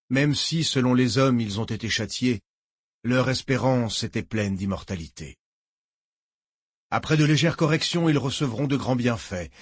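A man reading a novel aloud as narrator, in a measured, solemn way. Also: medium pitch, no echo, studio quality. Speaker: audiobook narrator. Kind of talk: audiobook narration.

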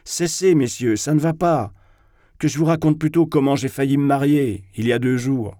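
A man's voice: medium pitch, normal speed, mellow, no echo, clean studio sound, pitched above the performer's own voice, lightly acted. A man reading a novel aloud, voicing a smug young man who questions a guest condescendingly and bosses the table. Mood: commanding. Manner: patronizing, bossy questioning. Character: smug condescending young male host of a dinner. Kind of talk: audiobook character reading.

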